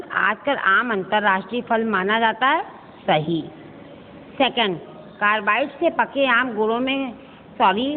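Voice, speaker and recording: A woman, a Hindi school teacher, works through a worksheet for her students, explaining each answer step by step and often asking whether they understand. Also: on the high side. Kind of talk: recorded online lesson going through a worksheet. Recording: echoey, tinny phone-like recording with faint hiss.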